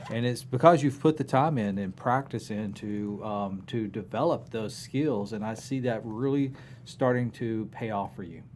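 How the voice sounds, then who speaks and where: A man's voice: fairly low pitch, moderate pace, darkish tone, a little hiss or hum. A man co-hosting a casual live chat, giving a tarot reading in an easygoing, encouraging way. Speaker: co-host and tarot reader.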